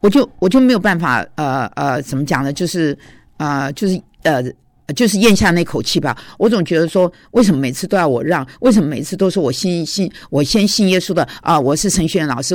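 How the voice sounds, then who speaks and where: A man's voice: fairly high pitch, lively intonation, brisk, dry recording, studio quality. A man who teaches at a seminary and preaches, giving an informal devotional talk in a confessional storytelling way with frequent hesitations.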